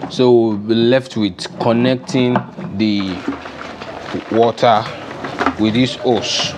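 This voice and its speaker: Against a noisy background with music, a young Nigerian-accented DIY farming instructor gives a casual, step-by-step hands-on demonstration, unscripted. His mid-range voice holds a steady tone at a slow pace, and he's in an open-sided poultry house with a concrete floor.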